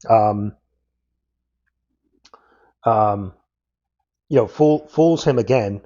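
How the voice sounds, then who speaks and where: A man's voice: fairly low pitch, extremely slow, mellow. A man giving a casual comic book review, recapping the plot in a loose, meandering way. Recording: dull lo-fi audio.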